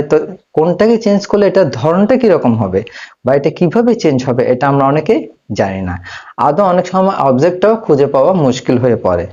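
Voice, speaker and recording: A man teaching English grammar to students in a slow style, repeating and drawing out words. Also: fairly high pitch, a little mellow, highs cut off.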